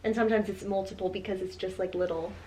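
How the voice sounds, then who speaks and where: A woman co-hosting a podcast in casual chat, easygoing and quick to laugh. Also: medium pitch, fairly even intonation, darkish tone. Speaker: podcast co-host.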